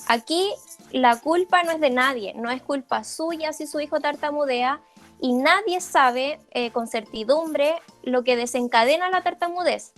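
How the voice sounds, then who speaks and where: A woman giving a parent workshop like a speech therapist, explaining in an informal lecture with frequent fillers and quick check-ins. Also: sits high, faint music behind. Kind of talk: informal lecture over slides.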